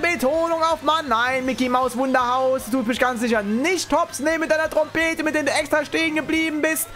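An excitable man streams a racing game, greeting viewers and muttering low between laps. When things go wrong he jumps up into high, shouted complaints. Faint game music plays softly behind his voice. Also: brisk. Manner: chatty, greets and answers viewers. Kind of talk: live gameplay commentary and chat reading.

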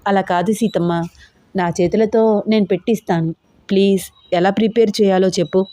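A woman's voice: mid-range voice, fairly even intonation, normal speed, warm tone, dry recording, close to an everyday voice. A woman voicing a young wife in her twenties who pleads and coaxes. The recording is dry and close. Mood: pleading. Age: 20s. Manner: pleading, coaxing. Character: young newlywed wife, pleading and sweetly pouty.

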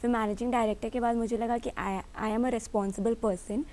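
A woman's voice: fairly high pitch, fairly even intonation, moderate pace, a little mellow. A woman answering interview questions as an actress and entrepreneur, earnest and matter-of-fact.

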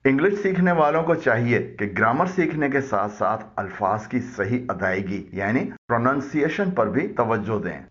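Man calmly explaining word pronunciations. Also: fairly low pitch, highs cut off. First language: Urdu. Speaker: language teacher. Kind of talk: explanatory lesson.

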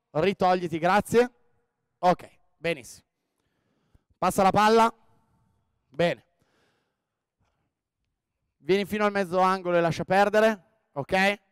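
A man running a basketball coaching clinic on the court, directing players with quick commands and frequent "ok?". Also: high-pitched, clear, resonant tone, dry recording. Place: indoor sports hall.

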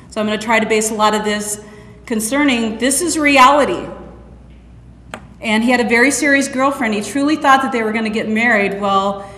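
Middle-aged woman, earnest testimony speaker at a school conference, slightly high voice, recorded in a reverberant hall. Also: fairly bright tone. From Northeast Nebraska. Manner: earnest, direct, acts out quoted dialogue. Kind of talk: personal testimony talk. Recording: echoey hall, long reverb.

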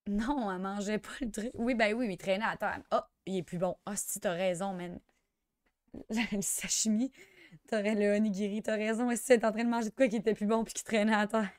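A young woman with a Quebec French accent chatting through a life-sim game, excitable and sprinkling in English slang. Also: medium pitch, a little fast, no room sound. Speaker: gamer. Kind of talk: let's play commentary.

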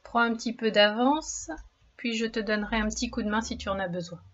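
On a muffled recording, a woman with a high-leaning voice talks a little fast while teaching young children to read. Patient and encouraging, she draws out each word and syllable in a slow, carefully articulated lesson.

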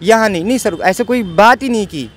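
A man's voice: high-pitched, brisk, fairly bright tone. A young man with a Kashmiri accent, earnestly recounting in an interview how he was beaten, pleading and repeating himself. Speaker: interviewee, assault victim. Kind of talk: emotional eyewitness account. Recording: outdoor street noise behind.

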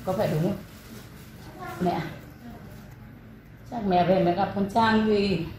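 A woman's voice: medium pitch, steady tone, slow, a little mellow, slight background noise. A woman speaking as a daughter-in-law, answering deferentially and politely. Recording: echoey room with crowd behind.

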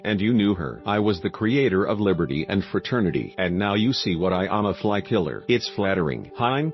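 Gloomy tipsy clown guy, tragic voice, as a man reads him, low and muffled, soft music under it. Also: lightly acted. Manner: tragic, brooding. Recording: dull recording with faint music.

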